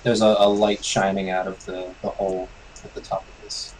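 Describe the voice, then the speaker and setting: A man acting as game master, narrating a tabletop game in a measured way with pauses between phrases. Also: sits low, flat delivery, noisy background.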